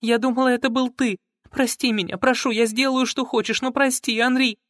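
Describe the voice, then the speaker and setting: A man's voice: very high voice, steady tone, brisk, fairly bright tone, dry recording, studio quality, voice pushed up. A man voicing a desperate young woman who begs for forgiveness in pleading cries.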